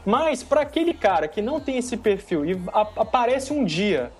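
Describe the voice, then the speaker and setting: Um homem com sotaque brasileiro, coapresentador, conversando de forma animada e repetindo "cara" o tempo todo. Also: male voice, high-pitched, normal speed, husky, faint music behind. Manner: animated, says "cara" constantly. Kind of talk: casual chat.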